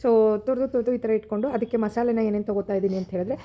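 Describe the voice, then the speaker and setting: A woman's voice: on the high side, racing, dark tone. A woman in her thirties with a Kannada accent, chatting casually in a family vlog and explaining a recipe. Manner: chatty, mixes English words into her talk. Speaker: vlogger.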